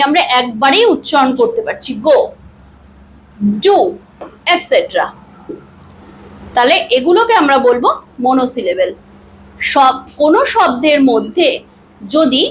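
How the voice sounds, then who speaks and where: A woman with a very high, lively voice teaches a grammar lesson. She asks her own questions and answers them, stretching each example word into slow, clear syllables, with a faint hum of the room behind her. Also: rough recording. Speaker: English teacher. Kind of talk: classroom-style grammar lesson.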